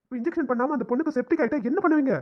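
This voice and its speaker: Young cartoon doctors who trade chummy, brisk banter. The voice sits high for a man and moves fast. It comes through a dull, lo-fi recording. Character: young male doctors, the hero and his friend. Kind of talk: cartoon drama dialogue.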